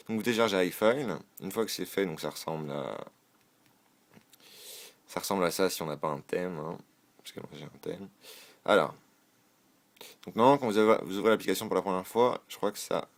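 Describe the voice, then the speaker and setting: A man casually walking through a phone tutorial, informal and hesitant, with many fillers and self-corrections. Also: low-pitched. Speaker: tech tutorial host. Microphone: filmed on a phone.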